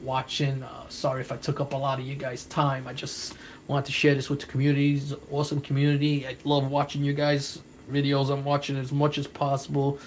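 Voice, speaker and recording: A man's voice: medium pitch, completely flat delivery, fairly quick, a little hiss or hum. A man with a New York accent chatting casually to his viewers about his comic book haul, rambling, repeating himself and thanking people by name. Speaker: comic book collector vlogger. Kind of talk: casual vlog chat to viewers.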